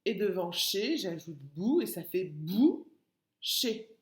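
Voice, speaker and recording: A woman teaching a phonics lesson to young children, breaking words into syllables slowly and patiently. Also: medium pitch, very animated, echoey room. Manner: slow, syllable-by-syllable, patient explaining. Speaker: kindergarten teacher.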